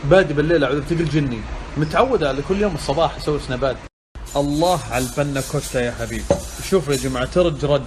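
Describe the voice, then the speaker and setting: A social media vlogger's voice is a little high and rapid-fire as he chats playfully and exclaims to his handheld phone. He's talking casually to the camera from his car and at a petrol station. The phone recording picks up loud traffic noise.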